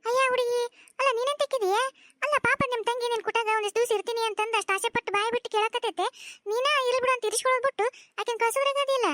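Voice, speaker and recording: A woman's voice: extremely high pitch, fairly even intonation, very fast, fairly bright tone, dry recording, studio quality. A woman voicing a doting older village mother with a North Karnataka accent, tearful and pleading, in a cartoon. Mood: coaxing. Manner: pleading, emotional. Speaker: voice actor. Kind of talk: cartoon voice acting.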